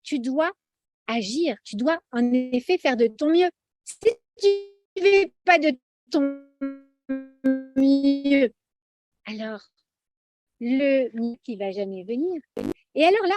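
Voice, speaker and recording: A woman teaching a lively religious lesson to an audience, chatty and animated, often checking in with the audience. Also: sits high, unhurried, pauses often, no room sound, faint music behind.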